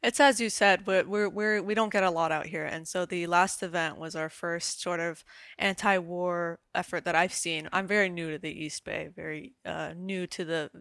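A young woman from the United States speaks as a guest on a radio interview. Her voice sits a little low, and she talks earnestly with fillers and restarts. The recording is dry and close. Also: fairly even intonation, moderate pace, a bit bright, no room sound. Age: young adult. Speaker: community organizer guest.

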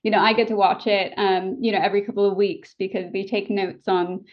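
In an interview over a call, an American voice and dialect coach with a faint English tinge to her accent speaks articulately, reflectively and enthusiastically. Her mid-range voice is delivered flatly and a little fast, and the audio sounds dull.

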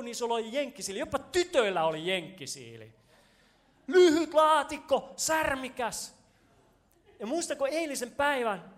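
A man preaching a sermon, telling a personal story in a casual, joking way and talking straight to the congregation. His voice rises and gets loud when he gets excited. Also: high voice. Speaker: pastor. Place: church stage before a congregation.

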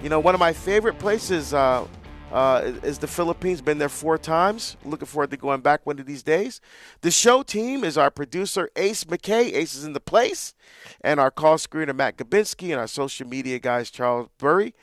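A man's voice: a little high, lively intonation, moderate pace, dry recording, soft background music. Man from Barbados, radio host, earnest storytelling, dry studio sound. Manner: earnest, warm storytelling with frequent restarts. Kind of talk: live call-in radio talk.

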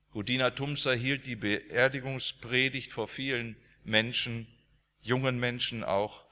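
A man's voice: medium pitch, a bit bright. A male preacher delivering a sermon as dramatic storytelling, with emphatic swings in his voice. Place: church. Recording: long church reverb.

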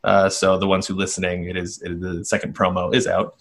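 A man's voice: deep voice, monotone, fairly bright tone. A man in his late twenties co-hosting a podcast, rambling casually and joking at his own expense. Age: 20s. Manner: rambling, self-mocking, quick to laugh. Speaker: podcast co-host. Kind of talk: casual chat.

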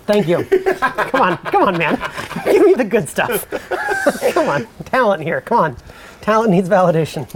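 A woman's voice: mid-range voice, sing-song, a little slow, a little hiss or hum. A woman running a tabletop role-playing game, chatting playfully and laughing often. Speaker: game master. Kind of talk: casual tabletop game chat.

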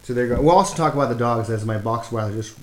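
A man's voice: mid-range voice, very fast. A middle-aged man hosting a casual podcast, rambling with many fillers and restarts. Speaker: podcast host. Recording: echoey room, faint background noise.

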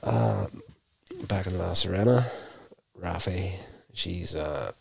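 A man casually recapping a TV episode, telling it in an unhurried, self-correcting way. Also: low-pitched, big pitch swings, gravelly, breathy edge.

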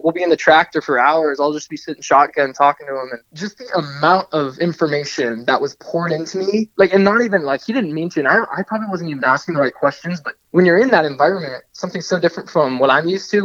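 A man's voice: fairly high pitch, fairly bright tone, no echo. Rambling, chatty young man, slightly muffled. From US Pacific Northwest. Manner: rambling, chatty storyteller full of restarts and asides. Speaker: guest, documentary photographer. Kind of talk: casual radio interview storytelling.

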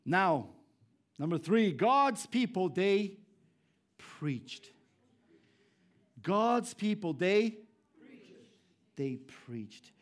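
Brief: male pastor, sermon to a congregation, very high voice, emphatic then hushed. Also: very animated, extremely slow, long pauses. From Brazil. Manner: preaching with swings between raised emphatic lines and low hushed ones. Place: church hall before a congregation.

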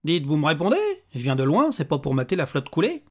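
A man's voice: on the high side, sing-song, fast. Man voicing a grumbling tiny bearded imp. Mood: exasperated. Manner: irritable, sarcastic, ranting. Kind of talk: audiobook character voice.

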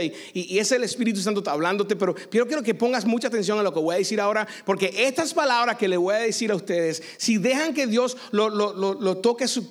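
A man pastor preaching a sermon, telling a personal story in an animated way and slipping into English phrases now and then. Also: sits high. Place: church service.

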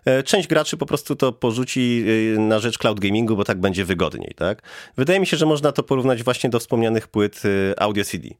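A man as a podcast guest answering questions thoughtfully, pausing often with fillers. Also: mid-range voice, animated, no echo, studio quality. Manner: thoughtful, hesitant with many fillers. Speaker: guest, head of DevOps.

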